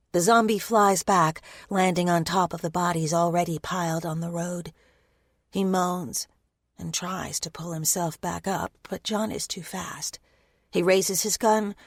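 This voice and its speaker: A woman reads a first-person horror audiobook in a mid-pitched voice. Her delivery is tense and dramatic, and it drops to soft, hushed asides. The recording is close and dead dry. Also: no room sound. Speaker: audiobook narrator. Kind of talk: first-person scripted narration.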